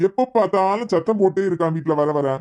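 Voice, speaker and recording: A man's voice: high voice, quick pace, darkish tone, close to an everyday voice. A man voicing a grumbling old grandfather in a cartoon serial, scolding his noisy grandson.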